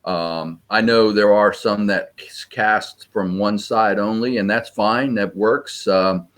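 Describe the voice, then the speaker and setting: A man answering interview questions, explaining search methods in a practical, measured way. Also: fairly low pitch, steady tone, a bit bright. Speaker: sonar search trainer.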